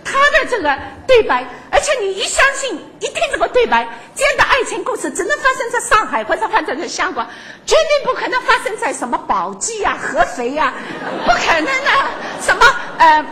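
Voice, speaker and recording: An older woman giving a lively talk to an audience, laughing often and stumbling through fillers and restarts. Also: extremely high pitch, brisk, hardly any pauses, some chatter behind, slight background noise.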